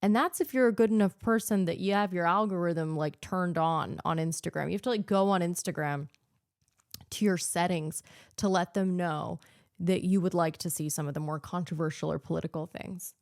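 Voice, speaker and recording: Woman, podcast host, solo monologue, low-pitched, dry close sound, earnest ranting. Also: moderate pace, no room sound. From United States. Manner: earnest, ranting, frequent filler words. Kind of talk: casual political monologue.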